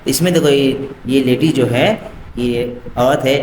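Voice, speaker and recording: A man's voice: mid-range voice, steady tone, measured pace, darkish tone, slight background noise. A man teaching a school lesson, mixing Hindi and English and repeating a checking phrase often. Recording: echoey room with faint ambience.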